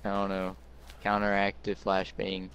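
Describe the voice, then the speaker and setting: Low-voiced, laid-back gamer man. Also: completely flat delivery, unhurried, a bit bright, slight background noise. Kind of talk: casual gameplay chat.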